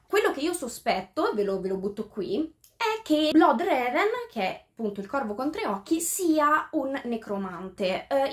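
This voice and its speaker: Woman, book reviewer, fairly high voice, casual, many fillers and restarts, reads passages aloud.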